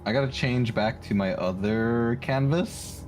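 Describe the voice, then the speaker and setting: Over background music, a streamer drawing live chats in a mid-range, slightly mellow voice at a measured pace. He rambles and giggles casually while he works on his art.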